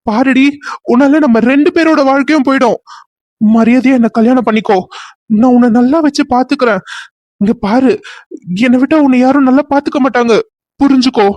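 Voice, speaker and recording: A man's voice: extremely high pitch, fairly quick, pauses often, a little mellow, no echo. A man voicing a possessive, jealous young man who is pushy and threatening in a cartoon serial. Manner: pushy, threatening, then pleading.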